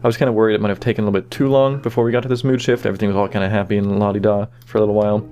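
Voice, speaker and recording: A man giving casual behind-the-scenes commentary on his own animation, relaxed and full of fillers like "you know" and "kinda". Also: on the low side, very fast.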